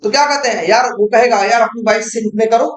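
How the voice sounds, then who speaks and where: Moving at a quick pace, a very high-voiced man teaches programming in a relaxed, instructive way, asking himself questions and then supplying the answers. The room is spacious, with a distinct echo.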